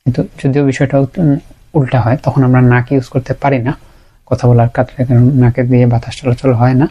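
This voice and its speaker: A man's voice: medium pitch, little pitch movement, fast, mellow, muffled recording. A man teaching Quran pronunciation in a lesson, patiently repeating each sound to show it. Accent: Bangladeshi Bengali. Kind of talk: explanatory lesson.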